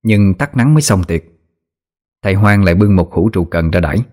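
A man narrating a ghost story in a steady storytelling voice. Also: sits low, brisk.

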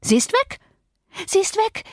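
A flustered, thoughtless young housemaid, as a woman reader puts her on, babbling in a high, excited voice. She rushes her words with little care. The sound is dry and close. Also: no echo, close to an everyday voice. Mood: panicked.

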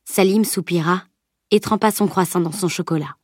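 Low-voiced woman reading a novel. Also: normal speed, darkish tone, no echo, studio quality. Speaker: audiobook narrator. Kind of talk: scripted narration.

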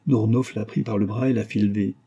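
Husky, dark-voiced man reading a novel. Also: fairly low pitch, fairly even intonation, a little fast. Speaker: audiobook narrator. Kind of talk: scripted narration.

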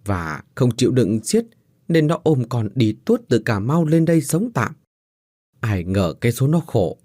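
A man's voice: mid-range voice, big pitch swings, unhurried, warm tone, no room sound, clean studio sound. A man voicing a sympathetic middle-aged landlady recounting sad news in a sighing, matter-of-fact way.

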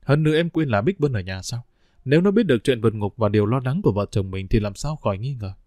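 A cautious middle-aged husband, steady and reassuring, voice sitting in a mid register, in a storybook reading, as a male narrator plays him. Dry, close sound. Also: medium pitch, fast, no room sound, lightly acted. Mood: calm.

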